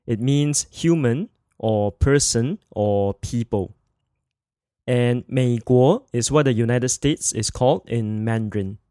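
A man teaching a podcast language lesson, speaking clearly and slowing down to repeat words for learners. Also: medium pitch, warm tone, no room sound, clean studio sound. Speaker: Mandarin teacher.

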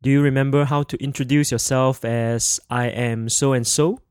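A man teaching a podcast language lesson, speaking clearly and slowing down to repeat words for learners. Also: medium pitch, steady tone, a little mellow, dry recording, clean studio sound. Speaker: Mandarin teacher.

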